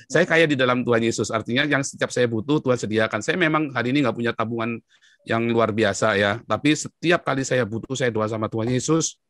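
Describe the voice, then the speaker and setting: Male evangelist guest, rapid and emphatic delivery with sharp, bright tone; dry close sound. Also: medium pitch, no room sound. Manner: emphatic, talks with sudden loud rises and often addresses the host as "sir". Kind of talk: animated personal storytelling in an interview. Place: in Europe.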